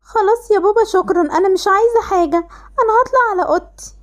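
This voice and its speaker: A woman's voice: very high-pitched, rapid-fire. A woman with an Egyptian accent voicing a sad young girl rejected by her family, in a voiced game-animation story, tearful and pleading. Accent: Egyptian Arabic.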